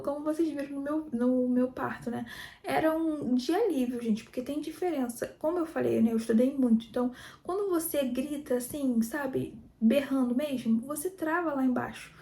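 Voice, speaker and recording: Woman, young, from Brazil, vlog storytelling, high voice, warm tone. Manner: chatty and animated, addresses viewers as "gente". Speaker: vlogger. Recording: echoey room.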